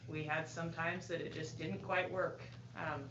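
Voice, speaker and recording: A woman's voice: sits low, little pitch movement, a little slow. A woman school board member chairing the meeting, speaking in a plainspoken, chatty way. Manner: warm-hearted, plainspoken, chatty asides with "you know". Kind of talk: public remarks at a board meeting. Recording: echoey, dull room recording with hiss.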